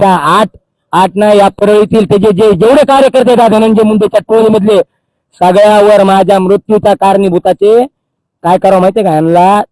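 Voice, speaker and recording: Man, furious public tirade, repeats phrases for emphasis, high-pitched, dry recording. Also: dark tone, no room sound, poor audio. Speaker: social activist. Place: outdoors by a Holi fire.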